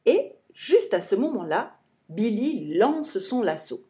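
A woman narrating a children's story in a calm, expressive way. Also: on the high side, slow.

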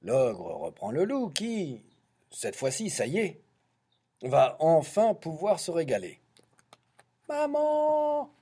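A man reads a children's story in a slow, unhurried way, his voice swinging up and down as he plays with the tale. The tone is warm and dark, a little husky, with teasing asides to the listener. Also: on the high side, big pitch swings.

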